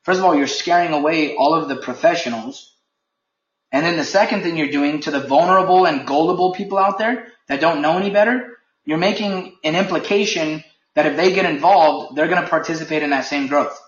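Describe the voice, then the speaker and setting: A man's voice: on the high side, brisk, a bit bright. A man leading a company webinar, speaking firmly and with emphasis, a little heated. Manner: firm and emphatic, lightly heated. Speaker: company leader presenting a webinar. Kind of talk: webinar briefing. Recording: echoey, dull lo-fi webinar audio.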